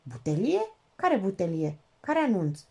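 A woman's voice: medium pitch, very animated, creaky, darkish tone, slightly rough, exaggerated voice. A woman reading an audiobook, voicing a timid, earnest young male lieutenant who pleads in a flustered way.

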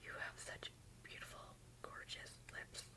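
A woman's voice: unhurried, sharp tone. A young woman whispering in an ASMR makeup roleplay, gushing compliments and rambling with "like" and "um". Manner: rambling with fillers like "like" and "um". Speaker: ASMR YouTuber.

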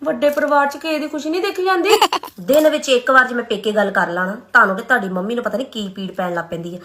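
A woman's voice: fairly high pitch, racing, bright, forceful tone. A woman with a Punjabi accent complaining sulkily in a comedy sketch. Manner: sulky, complaining. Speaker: sketch actor playing a complaining wife.

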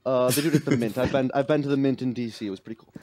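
A man's voice: medium pitch, steady tone, very fast, darkish tone. A man chiming in with playful jokes and riffs during a casual voice chat with friends. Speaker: friend in a group debate.

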